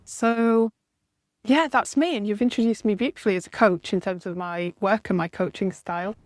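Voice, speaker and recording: A woman's voice: mid-range voice, moderate pace, no room sound, studio quality. A woman with a northern English accent, a coach chatting as a podcast guest and asking rhetorical tag questions. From northeast England. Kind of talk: casual chat.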